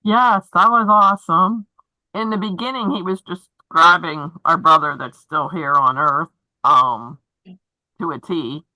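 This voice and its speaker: A woman's voice: fairly low pitch, measured pace, bright, forceful tone, dry recording, rough recording. A woman receiving a reading, responding in an affirming way and laughing easily. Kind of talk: casual chat.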